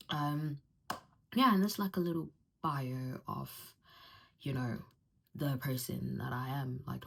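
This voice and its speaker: A young woman talks through a casual vlog introduction, rambling and full of fillers. Her voice sits very low for a woman and has a husky, slightly breathy edge. She sounds relaxed and unpolished, like she is talking straight to her viewers. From Zimbabwe, raised in South Africa. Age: 20s. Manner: chatty, rambling, laughs often, lots of fillers. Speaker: vlogger.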